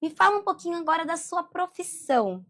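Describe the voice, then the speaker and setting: A woman host with a Brazilian Portuguese accent, gently reflecting on her guest's story before she asks her questions. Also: very high voice, sing-song, a little fast. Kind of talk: interview hosting.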